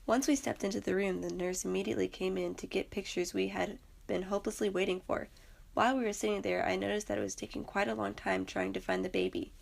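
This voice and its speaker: A young woman reads her own personal story aloud in an earnest, plain way. Her voice has a gravelly fry and sits at a middling pitch. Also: steady tone, quick pace. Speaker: student narrator.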